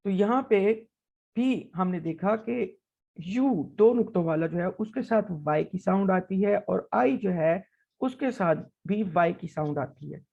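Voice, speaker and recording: A man gives a language lesson at an unhurried, slow pace, modeling each syllable twice. He checks in often with the listener as he explains. The recording sounds dull and lo-fi. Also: high-pitched, lively intonation, vocal fry. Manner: patient, step-by-step explaining with frequent "right?" checks. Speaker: Chinese language teacher.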